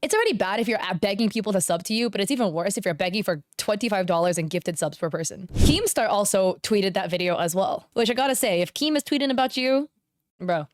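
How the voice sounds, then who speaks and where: A woman's voice: medium pitch, lively intonation, fast talker, no room sound, clean studio sound. Blunt, swearing woman streamer. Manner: blunt, swears, reasons out loud with running math. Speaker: streamer commentator. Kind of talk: casual commentary on a clip.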